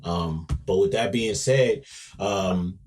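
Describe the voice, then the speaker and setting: Emphatic podcast host, loud and soft swings. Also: male voice, deep voice, slow, background noise. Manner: emphatic, with frequent restarts and repeats; swings between loud and quiet. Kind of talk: casual monologue.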